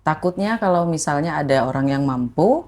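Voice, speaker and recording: Young woman guest, storytelling, animated, acts out quoted voices, casual interview. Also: sits low, normal speed. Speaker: guest, former ride-hailing driver. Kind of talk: emotional storytelling in a podcast interview.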